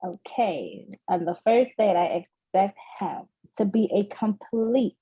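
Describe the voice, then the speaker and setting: A woman from Guyana speaks slowly and hesitantly as a guest on a casual chat, filling her pauses with ums and nervous giggles. The recording sounds dull and lo-fi. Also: mid-range voice, breathy edge.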